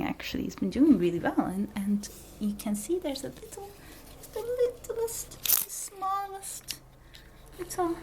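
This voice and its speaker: A young Belgian woman, a native Dutch speaker, gives a casual room-by-room tour of her small apartment, filming on a handheld camera as she walks. Her fairly high, slightly mellow voice carries some light background noise, and she giggles and drops to a whisper now and then.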